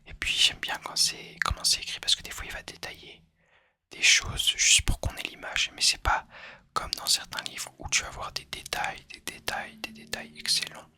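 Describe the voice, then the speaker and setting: A man speaking in a soft, unvoiced ASMR whisper, chatting informally and confidingly to the listener about recommendations. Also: moderate pace. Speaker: ASMR video host.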